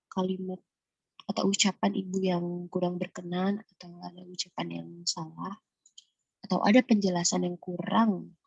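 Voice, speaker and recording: A woman teaching a recorded religion lesson to primary pupils, gentle and patient, with many filler pauses. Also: on the low side, vocal fry, breathy edge, dry recording. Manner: asks questions and answers them herself. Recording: dull lo-fi recording, dry.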